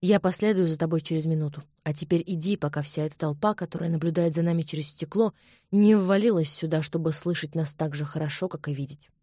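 A woman voicing an enraged, protective young nobleman who shouts his contempt in a loud, forceful voice in an audiobook. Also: low voice, quick pace, dry recording, clean studio sound. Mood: curt. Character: furious young nobleman, protective older brother.

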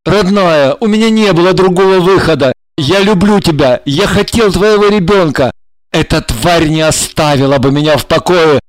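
A woman's voice: lowish voice, normal speed, no room sound, close to an everyday voice, poor audio. A woman voicing a desperate young husband who pleads and begs with urgent intensity. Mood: pleading.

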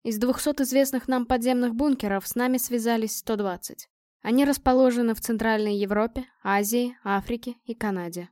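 A woman's voice: a little high, a little fast, a little mellow, dry recording, natural voice. A woman narrator voicing a stern female leader who reads out a report in a dry, businesslike manner.

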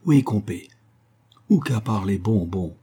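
A man voicing an old, loyal male creole boatman who talks in an urgent, excited way. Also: on the low side, takes it slowly, breathy edge, exaggerated voice.

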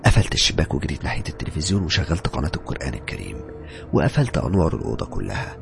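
A man with an Egyptian accent narrating a first-person horror story, dramatic and hushed at tense moments. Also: very deep voice, very animated, very fast, vocal fry, over music. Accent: Egyptian Arabic.

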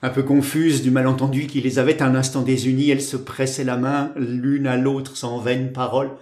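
Audiobook narrator: man, measured and literary, in a roomy echo. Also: medium pitch, flat delivery, darkish tone. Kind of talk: scripted narration.

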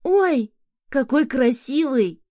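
A small boy, anxious but eager, talking in hushed, halting bursts as a woman reads him aloud. His voice comes out slow and a little raised, with a mellow, soft edge. It is the voice of a child in a storybook read aloud. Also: a little high, dry recording, studio quality.

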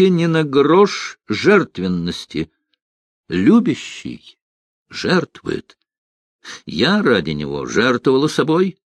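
A man's voice: a little high, dry recording, pitched above the performer's own voice. A man voicing a vain, demanding female siren in an audiobook, whiny and indignant.

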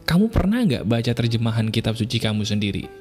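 A man, hosting an advice show and answering listener emails in a casual, lively way, mixing slang and acting out quoted voices. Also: medium pitch, fast talker. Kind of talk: casual spoken advice monologue. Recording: soft guitar music behind.

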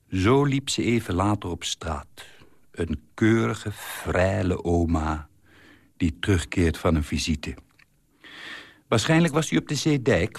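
A man reads a short story aloud in a calm, measured way. His voice is very deep and gravelly, with a husky edge. He takes his time, and the sound is dry and close. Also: dry recording. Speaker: story reader. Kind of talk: scripted narration of a short story.

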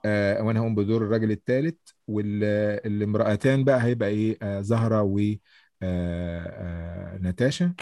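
A man's voice: lowish voice, steady tone, brisk, dark tone, no echo. A man with an Egyptian accent casually leading a read-through and handing out parts, often thinking aloud. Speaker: director leading a group play read-through.

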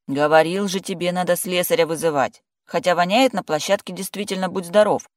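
A reader voicing a calm male friend who teases and talks matter-of-factly. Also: high voice, fairly quick, no echo, studio quality, natural voice. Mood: teasing. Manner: teasing, matter-of-fact. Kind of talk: audiobook character voice.

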